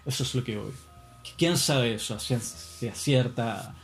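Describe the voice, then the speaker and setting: A man's voice: medium pitch, measured pace, gravelly, soft background music. A man in a casual monologue, rambling and musing with plenty of swearing.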